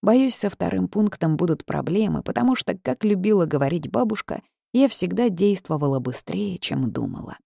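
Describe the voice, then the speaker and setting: A woman reading a first-person story aloud, lively with wry asides. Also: fairly low pitch, moderate pace, vocal fry, few pauses, no echo, clean studio sound. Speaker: audiobook narrator. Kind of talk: first-person audiobook narration.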